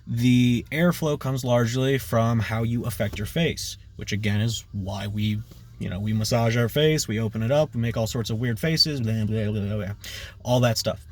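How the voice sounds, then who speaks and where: A man teaching a casual singing lesson in a loose, rambling way, full of fillers and quick "right?" checks. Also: mid-range voice, slight background noise. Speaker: vocal coach.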